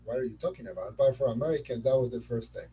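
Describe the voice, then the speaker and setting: A man from Colombia with a Colombian Spanish accent speaking English as a second language, talking in an animated way as a surgeon being interviewed on a webinar. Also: medium pitch, fast, husky, far from the mic, dull audio. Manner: animated, repeats words while searching for them. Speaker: transplant surgeon guest.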